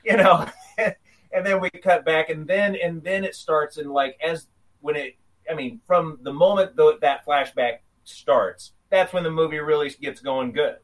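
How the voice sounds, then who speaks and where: A man's voice: a little high, measured pace, distant mic, poor audio. A man casually giving his take on a film's framing story, rambling with many restarts and laughter. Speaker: podcast co-host. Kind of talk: casual film discussion.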